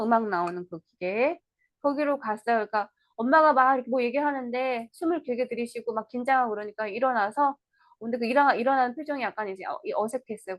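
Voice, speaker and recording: A woman tutor giving an online lecture on an English play, reading lines slowly and explaining them in Korean, with questions to the viewers. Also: fairly high pitch, dry recording.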